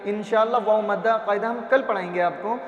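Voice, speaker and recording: A man teaching Quran reading, patiently sounding out syllables and asking and answering his own questions, stretching long vowels slowly. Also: high-pitched, roomy sound, in a large hall, highs cut off. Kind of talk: patient step-by-step phonics lesson.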